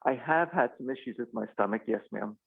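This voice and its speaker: A man's voice: medium pitch, animated, a little fast, vocal fry, husky, no echo. Polite man calling in over the phone. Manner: polite, soft-spoken, brief replies. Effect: caller heard over a phone line on a radio show. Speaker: radio show caller. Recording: tinny phone line.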